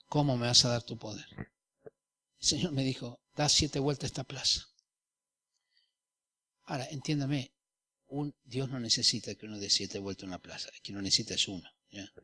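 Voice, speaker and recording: A middle-aged man delivers a sermon as a lively storyteller, slipping into different voices for each side of a conversation. His voice sits a little higher than most men's. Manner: animated storyteller, acts out dialogue in varied voices. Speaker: pastor. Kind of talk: sermon with personal stories.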